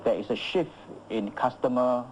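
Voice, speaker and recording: A man calmly explaining a point, as if answering an interview question. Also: medium pitch, normal speed, a little hiss or hum, poor audio.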